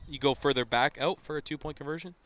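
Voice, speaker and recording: A man doing live play-by-play for a high-school football game, chatting loosely and breaking into excited shouts on big plays. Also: quick pace, a little hiss or hum. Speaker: play-by-play commentator. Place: outdoor football stadium. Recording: live stream from a stadium crowd. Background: crowd.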